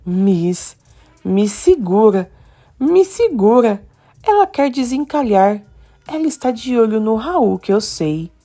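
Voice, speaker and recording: A woman voicing a sharp-tongued mother who mocks her rival emphatically. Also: on the low side, flat delivery, extremely slow, few pauses. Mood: mocking.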